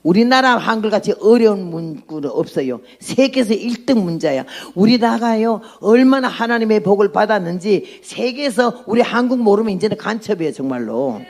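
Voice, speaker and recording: A woman's voice: medium pitch, animated, moderate pace, few pauses, darkish tone. A woman in her eighties, a missionary, giving a blunt and emphatic testimony sermon. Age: 80s.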